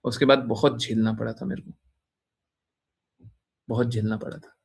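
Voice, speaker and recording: A man's voice: medium pitch, little pitch movement, normal speed, gravelly, husky. A man who is a spiritual teacher, giving an informal devotional talk to his followers, teasing them and repeating his phrases. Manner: teasing, repeats phrases, frequent "हैं?" tag questions.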